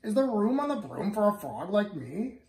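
A man's voice: sits high, big pitch swings, normal speed, a little mellow. A man voicing an eager, polite animal in rhyme while reading a picture book to a toddler. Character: eager, polite animal asking to join, storybook. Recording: echoey living room, distant mic.

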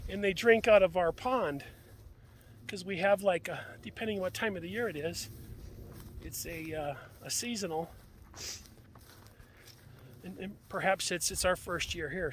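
A man's voice: sits high, fairly bright tone, slight background noise. A man vlogging outdoors while walking his land, out of breath and plainspoken, repeating phrases for emphasis. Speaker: homestead vlogger. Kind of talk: casual outdoor vlog.

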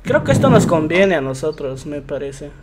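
A man's voice: a little high, big pitch swings, moderate pace, a loud crowd. A man making casual team callouts as an esports player. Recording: clear keyboard and game-room noise.

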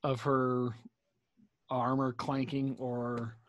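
A man's voice: mid-range voice, little pitch movement, drawn-out words, no room sound. A man playing in a tabletop game, chatty and joking, thinking aloud as he goes. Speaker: player. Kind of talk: casual tabletop play.

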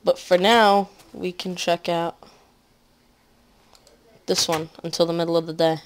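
A woman's voice: fairly low pitch, fairly even intonation, unhurried, a little hiss or hum. Rambling woman narrating her game. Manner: rambling, filler-heavy, often trails off quietly. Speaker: gaming commentator. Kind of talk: casual let's-play commentary.

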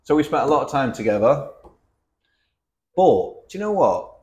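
This Cheshire man hosts a relaxed podcast, his North West English accent carrying a mid-range, very animated voice at a normal pace with a touch of mellowness. He teases his guest and leans heavily on tag questions.

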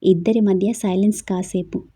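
Brief: woman storyteller, husky and mellow, soft subdued first-person reading. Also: medium pitch, steady tone, normal speed.

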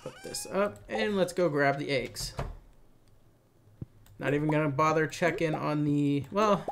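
A man's voice: a little high, a little slow, vocal fry, fairly bright tone, a little hiss or hum. Chatty man thinking aloud over gameplay. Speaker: let's play host. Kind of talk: casual gameplay commentary.

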